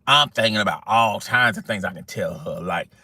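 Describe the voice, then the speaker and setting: A young man tells a story in loose, slangy talk, keeps checking in with his listeners, and gets animated as he goes. His tone is very bright and cutting. The recording is close and dry, with no room sound. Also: fairly low pitch, normal speed, husky, no room sound. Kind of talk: casual storytime monologue.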